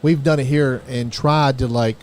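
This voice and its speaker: A man's voice: mid-range voice, fairly even intonation, normal speed. A man hosting a talk show in a casual, folksy, informal way. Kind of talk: casual chat.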